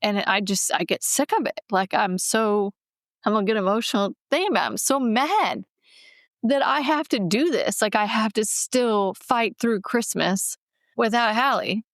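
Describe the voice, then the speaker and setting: Gravelly-voiced woman co-hosting a podcast. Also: on the high side, normal speed, dry recording, clean studio sound. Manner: candid, emotional storytelling. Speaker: podcast co-host. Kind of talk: casual chat.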